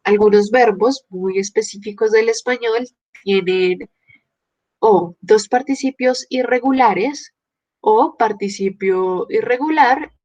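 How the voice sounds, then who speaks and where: A woman's voice: on the high side, takes it slowly, darkish tone, poor audio. A woman teaching a grammar lesson, explaining patiently step by step and working through examples. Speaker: Spanish teacher.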